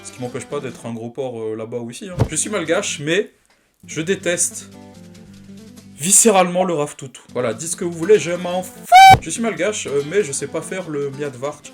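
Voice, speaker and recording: A man's voice: on the high side, lively intonation, normal speed. A young man with Malagasy roots doing a punchy, self-mocking comedy monologue. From Madagascar heritage. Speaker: comedy YouTuber. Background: background music.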